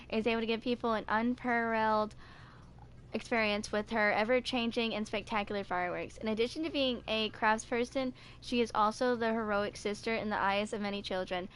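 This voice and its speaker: A woman in her twenties, a video creator, reads aloud and chats casually for a fan video recorded at home. Her voice is fairly high and fairly bright, with slight background noise in the recording.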